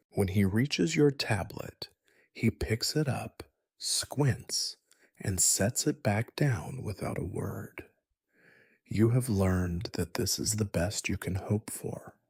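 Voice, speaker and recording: Deep slow-whispering man. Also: vocal fry, slightly rough, no room sound, clean studio sound. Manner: soft unvoiced whisper, gentle. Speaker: sleep story narrator. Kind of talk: whispered role-play.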